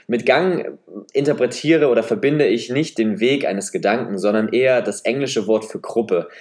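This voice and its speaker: His voice is mid-range, nasal, and a little mellow, moving at a normal pace. The speaker is a man in his 20s from Leipzig, eastern Germany, with a slight Saxon German accent, hosting a semi-scripted solo podcast in a chatty, self-deprecating manner on a podcast microphone.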